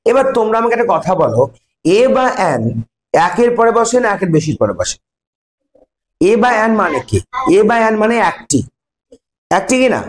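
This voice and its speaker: A man teaches English to young pupils. He asks questions, answers them himself, and reads English sentences slowly before translating them. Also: sits high. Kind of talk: classroom lesson in Bengali.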